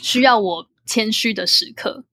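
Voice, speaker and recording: A woman's voice: fairly high pitch, measured pace, bright, forceful tone, dry recording. A young adult woman from Taiwan with a Taiwanese Mandarin accent, chatting reflectively and casually, dropping in occasional English words.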